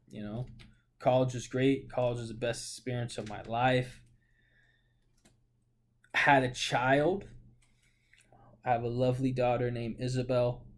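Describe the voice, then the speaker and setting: This Portland vlogger, a man in his late twenties, speaks at medium pitch over slight background noise. He talks about his life in a loose, wandering way, often using fillers and correcting himself.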